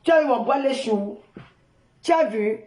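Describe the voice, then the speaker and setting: An older woman, loudly mocking and insulting someone in a heated, repetitive live-stream rant. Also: a little high, animated, unhurried. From Cameroon. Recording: echoey room.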